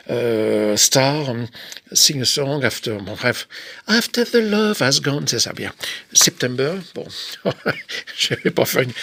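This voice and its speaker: A man's voice: mid-range voice, a bit bright. Hesitant chatty man vlogging. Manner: hesitant, many fillers and restarts; chatty, offhand asides. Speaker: vlogger showing his record collection. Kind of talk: casual unscripted show-and-tell.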